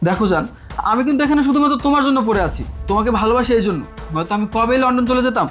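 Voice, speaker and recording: A man's voice: extremely high pitch, expressive, racing, a bit bright, soft background music. An actor playing an evasive young husband in a TV family drama, placating and pleading with his wife. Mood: wounded. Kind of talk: Bangla TV drama acting.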